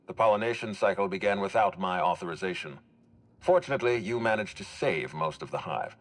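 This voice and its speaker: An actor playing a measured, suspicious orchard boss with a formal, authoritative manner in a video game. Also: male voice, low-pitched, animated. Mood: composed authority. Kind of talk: video game character acting.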